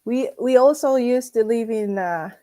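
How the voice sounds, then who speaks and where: A woman hosts a casual chat interview, her voice sitting a little high. She talks in a halting, friendly way, full of fillers and restarts. The sound is dry and close. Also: warm tone, no room sound. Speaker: host.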